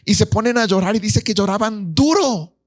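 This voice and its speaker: A man's voice: sits high, moderate pace. A man preaching a sermon as pastor, asking the congregation questions and acting out the people in the story. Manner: animated, acts out voices of the people in the story.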